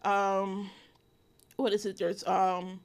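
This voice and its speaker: A woman in her thirties from Connecticut, a guest in a casual interview. She talks in halting bursts, full of ums and restarts as she searches for words. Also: mid-range voice, level tone, clean tone. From Connecticut, USA. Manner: hesitant, many fillers and restarts. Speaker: interview guest, illustrator and cartoonist.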